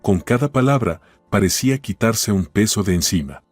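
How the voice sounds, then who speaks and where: Deep husky male storyteller. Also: expressive, moderate pace. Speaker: narrator. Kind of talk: scripted storytelling narration. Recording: dry close voice-over with faint music.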